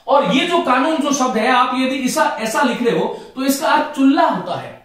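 A man's voice: very high-pitched, expressive, moderate pace, a bit bright. A middle-aged man teaching Hindi grammar for exam prep, carefully repeating words to model their pronunciation and appealing to his students in earnest. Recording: very echoey room.

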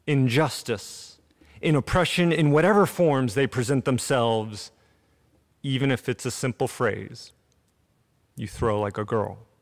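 A man in his thirties, a pastor delivering a sermon in an empty church sanctuary at a gooseneck podium mic, earnest and measured with deliberate pauses. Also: mid-range voice, creaky.

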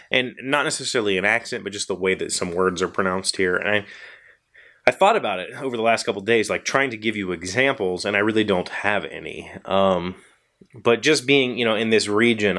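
In a small indoor workshop crammed with tools, a man in his forties with an American accent hosts a video show. His low but fairly bright voice rambles casually to viewers with self-deprecating humor.

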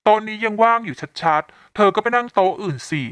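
A woman's voice: mid-range voice, animated, brisk, fairly bright tone, clean tone, no room sound, natural voice. A woman voicing a sassy, effeminate teenage schoolboy who talks back defiantly. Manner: mocking, defiant.

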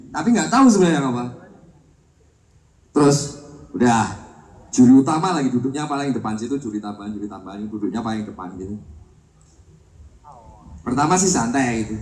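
A man's voice: medium pitch, a little hiss or hum. A man, a guitarist doing rambling, self-mocking stage banter between songs while he has a cold. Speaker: guitarist performing live. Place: live concert venue. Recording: roomy, distant live recording.

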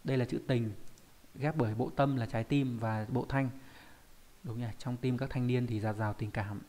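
A man's voice: mid-range voice, fairly even intonation, moderate pace, mellow. A man with a Vietnamese accent teaching a Japanese kanji lesson online, explaining each character step by step and often checking in with his students.

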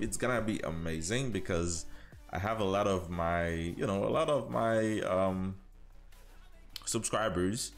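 A Haitian man in his thirties, whose accent blends Haitian, Caribbean and American influences, streams a game while chatting casually and warmly with viewers. His voice sits low.

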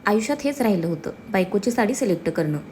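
A woman's voice: medium pitch, animated, fast talker, a little mellow, a little hiss or hum, natural voice. A woman voicing a blunt, protective young husband who gives orders. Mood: firm. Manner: blunt, commanding.

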